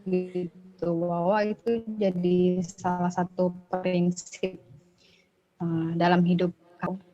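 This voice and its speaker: A woman speaking as a guest on an online video call, her voice coming through choppy and robotic from a bad connection, halting as she talks. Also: on the low side, little pitch movement, dark tone, soft background music. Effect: choppy robotic internet-call voice. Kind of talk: casual online chat. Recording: dull lo-fi call audio.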